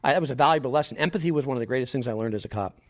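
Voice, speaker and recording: A man's voice: medium pitch, racing. A middle-aged man, a podcast guest, telling stories in a casual interview and acting out the people he quotes. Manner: animated storyteller, quotes others in lively asides.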